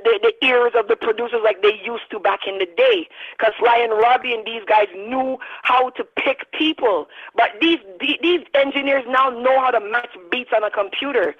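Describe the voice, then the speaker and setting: A woman in her thirties, a radio interview guest, making an animated, emphatic argument. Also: fairly high pitch. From Barbados. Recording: dull lo-fi sound.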